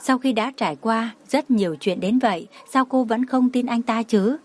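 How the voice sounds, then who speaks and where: A woman narrating a romance novel as an audiobook, in a steady, even reading tone. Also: a little high, normal speed.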